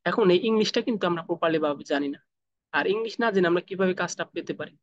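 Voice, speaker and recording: A man with a Bangladeshi accent teaching a spoken English class over a video call, drilling pronunciation slowly, sound by sound. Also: high voice, no echo, muffled recording.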